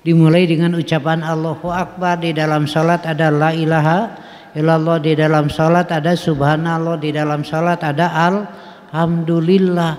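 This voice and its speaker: Sundanese guy preaching in a mosque, kinda high voice, big hall echo, chatty and folksy. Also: little pitch movement, moderate pace, a little mellow. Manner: folksy, mixes in regional phrases, asks the audience questions, chuckles. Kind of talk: mosque study sermon. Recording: long hall reverb.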